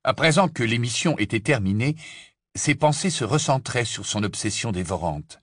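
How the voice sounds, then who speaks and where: A man narrating an audiobook in a measured storytelling manner, slightly husky. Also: mid-range voice, expressive, a bit bright, no room sound, studio quality.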